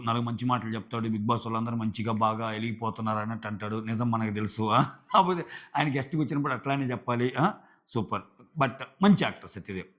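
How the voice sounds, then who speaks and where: A man's voice: mid-range voice, a bit bright, lo-fi sound. A man giving a casual, chatty recap of a reality show episode, full of fillers. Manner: chatty, filler-heavy retelling. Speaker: show reviewer.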